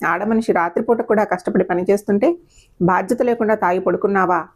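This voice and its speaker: A woman voicing a proud, stern older father who speaks in a gruff, questioning tone in an audio story. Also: medium pitch, fairly quick, lightly acted.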